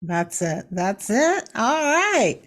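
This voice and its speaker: A woman's voice: fairly high pitch, big pitch swings, takes it slowly. A woman from the Midwest hosting a casual interview, often affirming her guest with short agreements. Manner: warm affirming listener, frequent agreement. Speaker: host.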